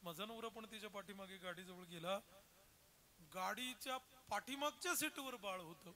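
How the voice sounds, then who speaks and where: Bright high-voiced Marathi kirtan preacher. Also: male voice, moderate pace. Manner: emotional storytelling, voicing characters in quotes. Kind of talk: devotional kirtan storytelling.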